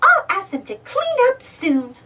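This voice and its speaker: A squeaky, sweet lady cartoon mouse, played by a woman reading a storybook, gushing and eager in a very high voice that swoops widely. It is recorded a little away from the mic. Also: wildly swooping pitch, unhurried, pushed and bright, recorded from a distance, heavily acted. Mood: cheerful. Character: Minnie, sweet excitable female cartoon mouse. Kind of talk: children's storybook character voice.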